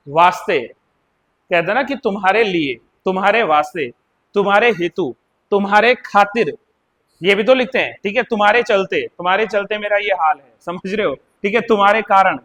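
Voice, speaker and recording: A man's voice: high voice, fairly bright tone. A man with an Uttarakhand Hindi accent teaching a live exam-prep class, explaining by repeating words and asking his students questions.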